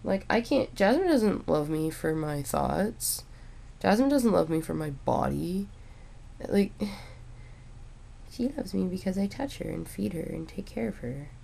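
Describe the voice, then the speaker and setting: Gravelly, drawling young woman rambling. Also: lowish voice, a little hiss or hum. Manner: meandering, halting, with frequent fillers and restarts; relaxed, stoned drawl. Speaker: vlogger. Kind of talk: rambling casual monologue to camera.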